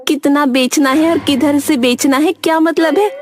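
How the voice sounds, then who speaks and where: A woman's voice: high voice, steady tone, normal speed, a crowd in the background, close to an everyday voice. A woman playing a fed-up village wife in a cartoon, scolding and exasperated with her husband. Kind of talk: cartoon voice acting. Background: background music.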